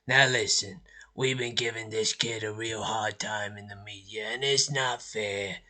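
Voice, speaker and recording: A man's voice: on the low side, fairly even intonation, unhurried, sharp tone. A man voicing a blustery middle-aged uncle, lecturing about basketball in a voicemail, folksy and preachy, repeating "all right?" and "look". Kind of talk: phone voicemail comedy rant.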